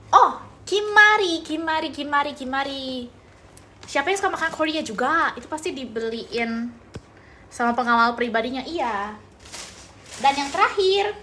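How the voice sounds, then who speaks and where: A woman's voice: sits high, fairly bright tone, slight background noise. A young woman from Indonesia hosting a live mukbang stream, chatting casually with viewers and teasing them, with playful repetition and bits of English. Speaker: mukbang livestreamer. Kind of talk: casual live-stream chat reading comments.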